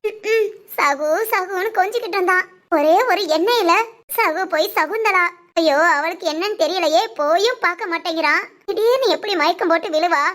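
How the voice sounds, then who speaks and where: A woman's voice: extremely high pitch, moderate pace, fairly bright tone. A woman voicing a fussy, aching elderly mother-in-law in a family cartoon, complaining and chiding. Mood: fretful. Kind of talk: Tamil family cartoon voice acting.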